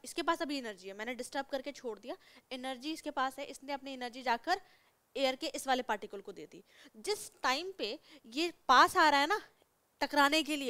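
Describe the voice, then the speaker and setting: A young Indian woman gives a classroom science lesson in a high, light voice. She explains patiently, point by point, repeats the key terms and keeps checking that students follow. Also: sharp tone. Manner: explains step by step, repeats key words, checks in with 'theek hai'. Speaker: science teacher.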